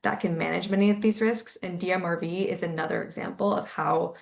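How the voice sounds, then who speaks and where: Low gravelly woman explaining calmly. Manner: measured, explanatory, with fillers. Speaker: panelist from a standards body. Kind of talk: webinar panel answer. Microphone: video call.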